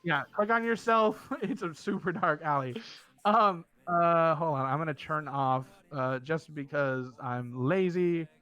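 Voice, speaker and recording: Casting: male game master, slightly high voice, halting informal narration, music underneath. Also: fairly bright tone, clear, resonant tone, muffled recording. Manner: halting, informal, swears casually. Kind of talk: narrating and running a tabletop game. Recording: music behind the voice.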